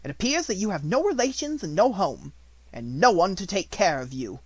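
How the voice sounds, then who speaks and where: A man voicing a cold, domineering, sharp-tempered headmistress in an audiobook story, scolding and commanding. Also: high voice, big pitch swings, moderate pace, dry recording, pitched above the performer's own voice, rough recording. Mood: angry, scornful.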